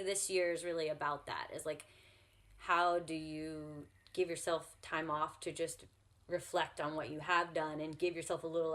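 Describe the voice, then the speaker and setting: A woman's voice: sits low, a bit bright. A woman guest blogger answering interview questions earnestly on a remote call, with many fillers and repeated words, growing tearful as she speaks. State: tearful, crying.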